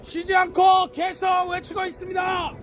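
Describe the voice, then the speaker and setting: A man giving a shouted protest speech outdoors on a street, calling out slogans in drawn-out phrases. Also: extremely high pitch, monotone, slight background noise.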